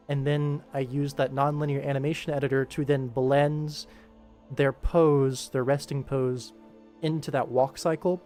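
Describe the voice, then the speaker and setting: On a livestream, a male animator with a somewhat high, darkish voice chats casually, answering viewers and explaining his work in a relaxed way as he goes. Music plays behind him.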